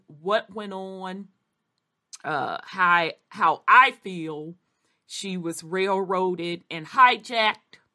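A woman's voice: mid-range voice, sharp tone. A woman presenting informal commentary as a host, stressing key words emphatically and often checking in with the listener. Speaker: host of a history commentary show.

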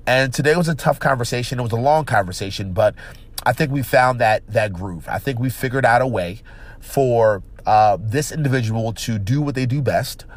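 A man's voice: mid-range voice, moderate pace. A man with a stuffed-up, nasal voice giving earnest, casual advice on working together at the executive level, often repeating and restarting his phrases. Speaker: business executive vlogger. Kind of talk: casual direct-to-camera advice.

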